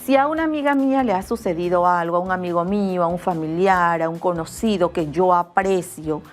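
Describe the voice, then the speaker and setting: A middle-aged schoolteacher, explaining grammar in a remote class and acting out example phrases in different tones. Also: female voice, on the low side, brisk, faint music behind. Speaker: school teacher.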